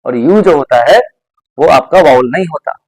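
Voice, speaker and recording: A man's voice: on the high side, moderate pace, dry recording, low-quality recording. A man teaching English grammar, explaining step by step and repeating examples patiently. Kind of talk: classroom grammar lesson.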